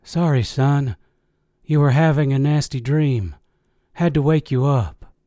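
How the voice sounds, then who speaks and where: A man voicing a kindly old man who gently wakes a sleeping passenger. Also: mid-range voice, measured pace, dry recording, clean studio sound, close to an everyday voice. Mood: gentle.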